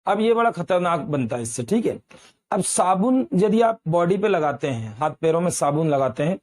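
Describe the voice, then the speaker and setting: High-voiced male Hindi grammar teacher. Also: very animated, moderate pace, darkish tone. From Uttar Pradesh, India. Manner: addresses students as beta, repeats quiz questions.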